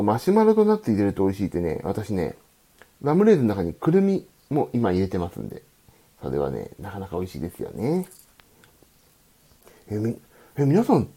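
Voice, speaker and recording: Husky, lively-voiced man hosting late-night radio. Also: mid-range voice. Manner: rambling, reads listener comments aloud and answers them. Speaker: host of a live diet radio stream. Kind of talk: late-night solo live radio chat.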